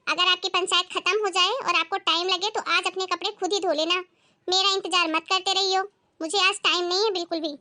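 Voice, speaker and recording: A woman's voice: extremely high pitch, sharp tone. A woman playing a short-tempered, bossy daughter-in-law in a comedy family skit, scolding sharply and sarcastically.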